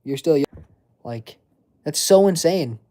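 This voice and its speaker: This livestream host, a guy in his twenties, speaks slowly with lively intonation and a warm, slightly high voice. He reads chat aloud and wanders from topic to topic, his casual talk stuffed with slang and fillers.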